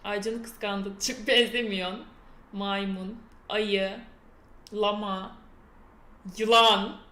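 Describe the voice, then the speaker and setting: A woman's voice: mid-range voice, level tone, extremely slow, long pauses, bright, forceful tone, roomy sound. A young woman chatting casually with her live-stream chat and reading quiz questions aloud in a playful way. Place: indoor room with a door that keeps slamming.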